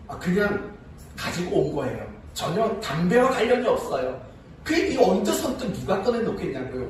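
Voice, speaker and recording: Male pastor mid-sermon, lively and talkative, asks the room questions, slightly high voice, roomy distant church sound. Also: a little hiss or hum. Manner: animated, talks to the congregation with rhetorical questions. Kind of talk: sermon with storytelling.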